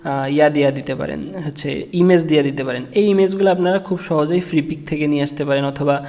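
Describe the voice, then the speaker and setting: Halting man teaching in a reverberant room. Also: on the high side, warm tone. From Bangladesh. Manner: halting, many fillers and restarts. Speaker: online tutorial instructor. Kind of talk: casual screen-share tutorial.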